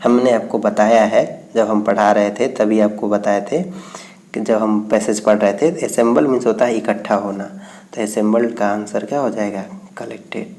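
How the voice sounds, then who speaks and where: A male teacher explaining an English reading exercise, reading the English lines out slowly and then explaining each one. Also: on the low side, fairly even intonation, a little mellow.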